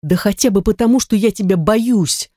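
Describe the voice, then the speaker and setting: A woman's voice: medium pitch, normal speed, warm tone, dry recording, clean studio sound, lightly acted. A reader voicing a frightened, tearful young woman. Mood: defiant. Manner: pleading, sobbing protests. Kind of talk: audiobook character voice.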